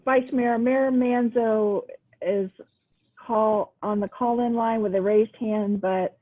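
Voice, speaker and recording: A woman's voice: a little high, fairly even intonation, slow. A woman acting as meeting clerk, heard over a group voice call, hesitant and searching aloud as she manages callers. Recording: tinny phone-like call audio.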